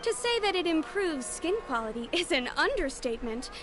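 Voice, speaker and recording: An actress voicing a female store announcer who greets customers and launches a new product in an upbeat, polished sales-pitch manner. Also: big pitch swings, moderate pace, noisy background. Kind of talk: supermarket-style announcement to customers.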